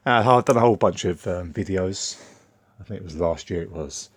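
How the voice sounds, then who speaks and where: Deep-voiced blunt vlogger. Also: male voice, normal speed, no echo, studio quality. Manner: rambling, blunt, off-the-cuff. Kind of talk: casual monologue.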